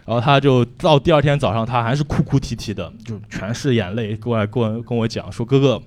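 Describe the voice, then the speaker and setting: Young man, from Shanxi, stand-up comedian, frank, rambling, filler-heavy, mid-pitched. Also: fairly even intonation, a little fast. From Shanxi, China. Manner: rambling, frank, self-mocking storytelling with many fillers. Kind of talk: stand-up set.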